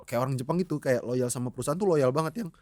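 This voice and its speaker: A young man, chatting as a podcast guest, an animated storyteller who laughs often and mixes in English phrases. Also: medium pitch, rapid-fire, no room sound, clean studio sound. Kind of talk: casual chat.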